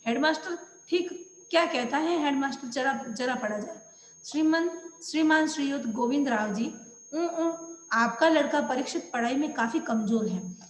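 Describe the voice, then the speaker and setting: Brief: grumbling old red letterbox uncle, scolding and high, read by a woman teacher, echoey room. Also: normal speed, slight background noise, lightly acted.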